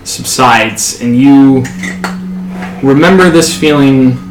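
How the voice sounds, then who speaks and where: A man narrating as game master of a tabletop game, halting, with many fillers. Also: medium pitch. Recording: echoey room, faint noise.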